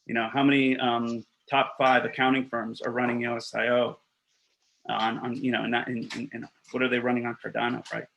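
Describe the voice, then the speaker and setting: Speaking fairly quickly in a gravelly, mid-range voice with flat, even pitch, the earnest and blunt Costa Rican man in his thirties makes his election case as a block producer candidate. He talks over a webcam video call from a small indoor room with wooden shelves, restarting phrases and using "um" and "uh" between points. The audio is poor, with a little hiss or hum.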